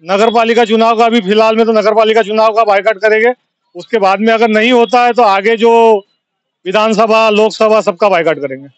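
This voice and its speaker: A male shopkeeper speaks with a firm, warning tone in a street interview, and his voice sits very high for a man. The audio is dry and somewhat dull, lo-fi. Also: steady tone, fairly quick, no echo.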